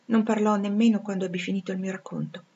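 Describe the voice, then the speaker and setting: A woman's voice: medium pitch, steady tone, fast, mellow. A woman reading a classic novel aloud with drama, dropping almost to a whisper at tense moments. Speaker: audiobook reader. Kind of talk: expressive literary reading. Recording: slightly dull lo-fi recording.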